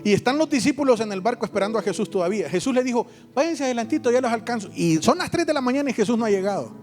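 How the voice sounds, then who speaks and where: A man with a Honduran accent preaching a lively sermon, acting out voices and joking with the congregation. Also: high-pitched, very fast, soft background music. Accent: Honduran Spanish. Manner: animated storytelling, acts out voices and jokes. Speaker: pastor. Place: church hall.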